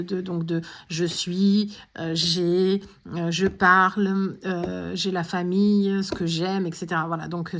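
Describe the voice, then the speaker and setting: A woman talking through a spiritual guidance reading, hesitant, with many fillers and restarts. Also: mid-range voice. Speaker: tarot and oracle reader.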